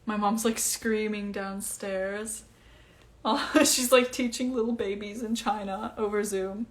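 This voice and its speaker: A breezy young Icelandic woman, a singer, hosts a livestream from home, casually answering comments with many fillers. Her mid-range voice is steady in tone, and she speaks unhurriedly.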